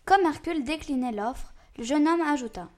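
A woman's voice: sits high, animated, moderate pace, darkish tone. A woman reading a storybook aloud carefully, with occasional slips.

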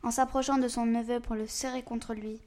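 Woman, storybook read-aloud, careful, some slips, high voice. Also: little pitch movement, a little fast, a little mellow. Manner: careful reading with occasional slips.

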